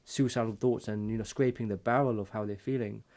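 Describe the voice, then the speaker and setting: A man's voice: on the low side, steady tone, fairly quick, a little mellow. A man co-hosting a casual chat over drinks, talking in an earnest, reflective way that rambles with restarts. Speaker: co-host.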